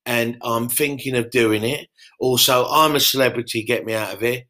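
A man voicing a brash, foul-mouthed middle-aged country pub landlord who talks loud and boastful in a comedy podcast. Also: mid-range voice, normal speed, natural voice. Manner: boastful, loud, swears a lot. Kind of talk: comedy podcast character monologue.

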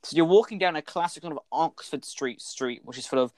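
A man's voice: on the high side, a little fast, darkish tone, dry recording, poor audio. A young man narrating as game master in a tabletop game over voice chat, playful, humming sound effects.

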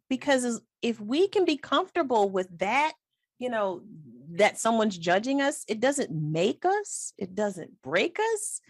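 A woman in her late forties in casual chat, talking in an emphatic, encouraging way and laughing often. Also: a little high. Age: 40s.

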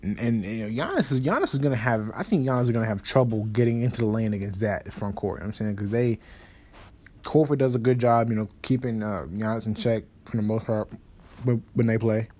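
A man hosting a casual basketball podcast, rambling with lots of fillers and restarts, and quick in delivery. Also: lowish voice, mellow. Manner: talks fast, says so himself. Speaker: podcast host. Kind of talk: casual sports podcast talk.

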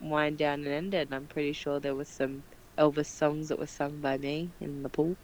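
A woman's voice: low-pitched, moderate pace, low-quality recording. Laughing woman telling a holiday story. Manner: animated storytelling, laughs often; loud, self-described as not quiet. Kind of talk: casual chat.

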